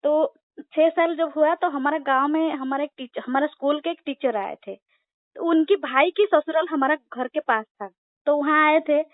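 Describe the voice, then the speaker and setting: High-voiced woman from Odisha on a phone line. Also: normal speed, no room sound. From Odisha, India. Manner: storytelling, hesitant with fillers. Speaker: interview guest. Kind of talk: telephone interview. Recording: tinny phone line, dry.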